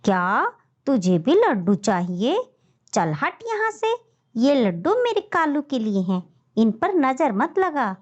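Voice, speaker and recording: A woman's voice: sits high, sing-song, slow pace, full character voice. A woman voicing a bossy, cruel crow stepmother in a children's cartoon story, scolding and threatening like a wicked stepmother. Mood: scornful. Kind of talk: animated children's story voice acting. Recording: dull lo-fi audio.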